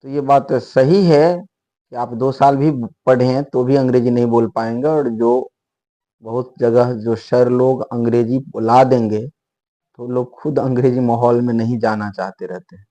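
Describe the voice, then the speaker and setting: A man's voice: medium pitch, fairly even intonation, unhurried, mellow. A man teaching spoken English in a casual, rambling lecture, explaining with frequent restarts and asides. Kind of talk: spoken English lesson in Hindi.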